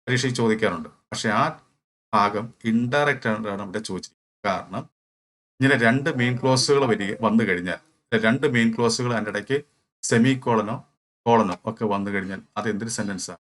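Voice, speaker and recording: A man's voice: fairly low pitch, fairly quick, fairly bright tone. A man with a Malayali accent teaching English grammar for an exam, explaining step by step and answering his own questions. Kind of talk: exam-prep lecture.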